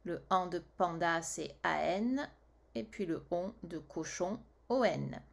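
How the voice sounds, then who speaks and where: Very slow woman dictating to children. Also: lowish voice, creaky. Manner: very slow, word-by-word dictation with spelling reminders. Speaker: teacher.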